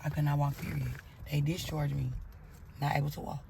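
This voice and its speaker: A woman's voice: deep voice, flat delivery, fairly quick, vocal fry, dark tone, slight background noise. A woman telling a personal story in a blunt, profane way, acting out her own angry outbursts as she goes.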